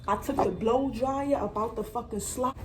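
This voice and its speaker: A young adult American woman tells a slangy, casual storytime as a vlogger, in a fairly high voice at normal speed. She is emphatic and dramatic, swears freely and repeats phrases for effect. The recording is very noisy.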